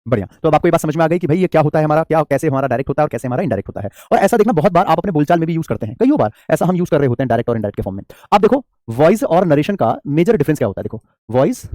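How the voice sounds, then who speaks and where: A man's voice: on the high side, big pitch swings, very fast, darkish tone, dry recording, clean studio sound. A man teaching an English grammar lesson in a classroom-style lecture. He asks his own questions, answers them, and calls the students "child" affectionately.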